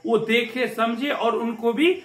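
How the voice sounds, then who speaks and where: A man teaching English grammar, going slowly through examples and often checking in with the class. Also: extremely high pitch, steady tone, fairly bright tone, reverberant, poor audio. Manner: slow, repetitive, keeps checking with "है ना".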